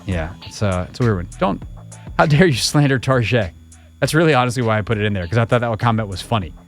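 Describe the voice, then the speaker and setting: A man's voice: fairly low pitch, expressive, racing, soft background music. A man hosting a sports radio show, reading fan comments aloud and mocking them sarcastically. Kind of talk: casual sports radio chat.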